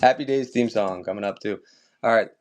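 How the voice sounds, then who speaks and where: A man's voice: fairly low pitch, a little fast. A man running a live collectibles auction stream, chatting casually and upbeat with viewers as he sells items.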